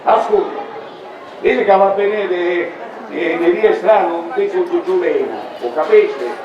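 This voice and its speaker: An actor playing a grumbling, scheming old village potion-maker with a Sicilian accent in an amateur dialect stage comedy. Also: male voice, sits high, unhurried, lo-fi sound, crowd noise. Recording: echoey hall from far off, noisy audience.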